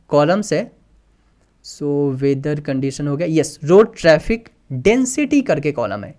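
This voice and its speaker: A man's voice: on the high side, a little mellow. Guy doing a screen-recorded coding lesson, reads out variable names bit by bit, patient step-by-step explaining. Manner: dictates code aloud as he types, mixing in English terms. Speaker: tutorial instructor.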